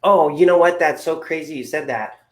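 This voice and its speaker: A man's voice: a little high, fairly quick. A man hosting an interview show, talking in an upbeat, rambling way with lots of fillers. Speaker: podcast host. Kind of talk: casual interview chat.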